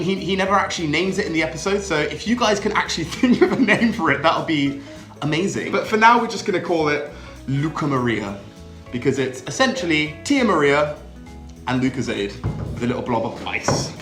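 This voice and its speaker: A young man hosting a drinks vlog in casual, upbeat chat, laughing often. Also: a little high. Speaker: drinks channel host. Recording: echoey room.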